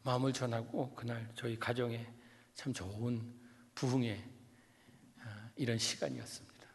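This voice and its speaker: A middle-aged man from Korea, a guest pastor preaching a revival sermon, telling stories animatedly and swinging from loud to hushed. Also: medium pitch, fairly even intonation, normal speed, slightly rough. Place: church sanctuary. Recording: long church hall reverb.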